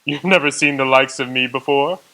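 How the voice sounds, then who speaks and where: An actor playing the jolly giant Ghost of Christmas Present in a radio drama, hearty and laughing. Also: male voice, mid-range voice, brisk, bright, forceful tone, lightly acted, low-quality recording. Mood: jovial. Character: jolly booming giant Christmas spirit, male.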